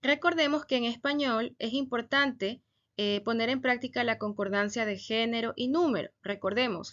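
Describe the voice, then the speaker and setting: A woman teaching a Spanish grammar lesson, speaking slowly and deliberately and stressing each example word. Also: on the high side, fairly bright tone, highs cut off.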